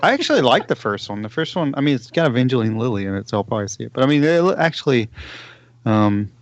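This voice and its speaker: A man co-hosting a film podcast, chatty and quick to laugh. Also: mid-range voice, big pitch swings, no echo. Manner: chatty, laughs at his own jokes. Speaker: podcast co-host. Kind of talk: casual chat. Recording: dry, dull lo-fi podcast audio.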